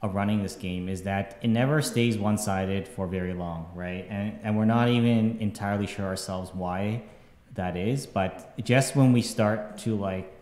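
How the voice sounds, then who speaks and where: A man's voice: on the low side, moderate pace, a little mellow. A man, a game developer on a live stream, talking casually and rambling with lots of fillers and tag questions. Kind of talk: casual panel chat. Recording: echoey room with long reverb.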